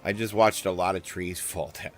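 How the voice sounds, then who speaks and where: A man's voice: deep voice, steady tone, moderate pace, soft background music. A man chatting casually alongside a gameplay stream, laughing and swearing often. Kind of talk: casual chat.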